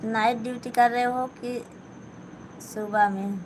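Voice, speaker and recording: Sitting at home with her sewing, this woman runs a casual live stream, going through viewer comments one at a time and replying in Hindi shaded by an Awadhi accent. She speaks slowly in a slightly high, darkish voice with a steady tone. It's a low-quality recording with slight background noise.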